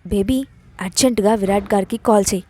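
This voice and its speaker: A woman's voice: mid-range voice, fairly quick, a little mellow, natural voice. A woman reading the part of a nervous, loyal young woman assistant, speaking hesitantly and anxiously. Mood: worried.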